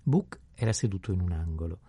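A man reads an audiobook in a very deep, gravelly voice with a dark, husky tone. He narrates at an even, measured pace, and the recording sounds dry and close. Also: dry recording.

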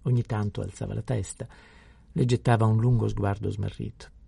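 A man reads a literary novel aloud in a measured, expressive manner. His low voice has a gravelly, husky texture. The recording is close and dry, with no room sound. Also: dry recording. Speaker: audiobook narrator. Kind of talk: scripted literary narration.

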